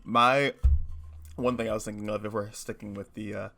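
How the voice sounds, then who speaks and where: A man's voice: fairly low pitch, steady tone, normal speed, vocal fry, bright, forceful tone. A man co-hosting a podcast, chatting casually and rambling with frequent laughs. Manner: rambling, laughs often, playful. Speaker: podcast co-host. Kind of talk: casual chat.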